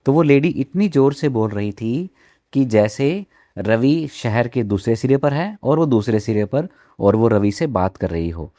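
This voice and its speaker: A man teaching an English textbook chapter, reading each line slowly and then explaining it in Hindi. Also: medium pitch, animated, mellow, dry recording, studio quality.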